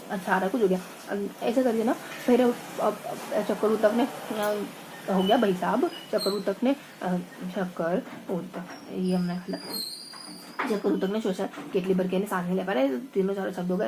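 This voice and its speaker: A woman revising her notes aloud in a casual study session, thinking out loud and stumbling over half-remembered words. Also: mid-range voice, background noise.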